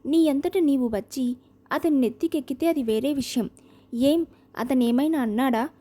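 A woman's voice: sits high, moderate pace, mellow, natural voice. A woman voicing a frank, practical young woman friend in an audio novel, matter-of-fact in tone.

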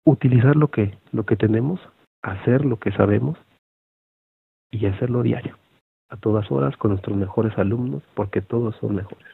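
A man's voice: on the low side, normal speed, creaky, husky, no room sound. A man with a Mexican accent, a teacher giving a conversational online lecture to other teachers, with many fillers and tag questions. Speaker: teacher presenting an online session. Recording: phone-like thin audio.

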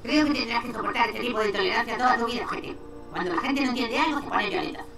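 A woman's voice: on the high side, fast, vocal fry. An actress voicing a bossy, scheming young boy in a raccoon hero costume, in a video game dub. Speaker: team leader. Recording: game audio from a distance, echoey, music behind.

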